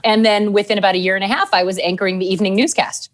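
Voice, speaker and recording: A Minnesota woman in her forties, a TV news anchor, tells stories rapid-fire in a conversational interview. An animated storyteller, she acts out quotes with lively pitch jumps and laughs easily as she talks.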